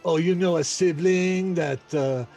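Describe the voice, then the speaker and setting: A man plays a halting, rambling adventurer with a gravelly, slightly raised voice. He trails off and restarts as he talks. Faint music sits behind him. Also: on the high side, darkish tone. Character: Step, a rambling odd male adventurer.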